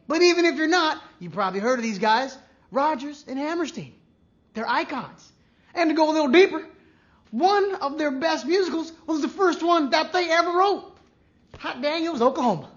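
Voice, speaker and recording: Brief: a man playing a hammy Southern cowboy host, put-on twang, lively swooping pitch, dull lo-fi sound. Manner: hollering, folksy exclamations.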